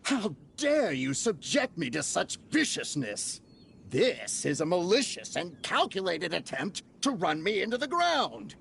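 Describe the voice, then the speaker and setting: An actor playing a pompous, greedy middle-aged merchant with a gravelly, indignant voice in a game. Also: male voice, sits high, sing-song, a little slow, a bit bright, a little hiss or hum, full character voice.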